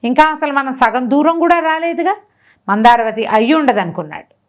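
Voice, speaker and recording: At a moderate pace and in a voice that sits high, a woman storyteller relates a folk tale in a chatty, animated style. Rhetorical questions and acted-out dialogue fill her retelling.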